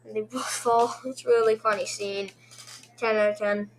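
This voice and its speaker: A woman casually reviewing episodes one by one, rambling excitedly and throwing in sound effects like boom. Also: normal speed, a little hiss or hum.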